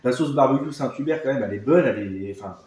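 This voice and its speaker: A man's voice: mid-range voice, animated, fast, darkish tone. A man from France, chatting casually as he hosts a tasting. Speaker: host of a snack blind tasting. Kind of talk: casual chat. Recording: roomy echo, distant mic, faint noise.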